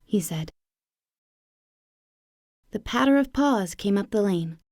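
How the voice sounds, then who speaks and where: A woman's voice: medium pitch, slow, no echo, clean studio sound. Woman reading a children's story aloud. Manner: clear, even storytelling with questions for children. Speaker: storybook reader.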